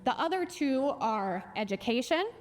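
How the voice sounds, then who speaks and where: A woman's voice: high voice, very animated, a little slow. A woman with a Minnesota accent giving a live talk on finances to a conference audience and polling the crowd. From Minnesota, USA. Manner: friendly, asks the crowd questions. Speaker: financial educator and speaker. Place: conference hall. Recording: long reverb of a large hall.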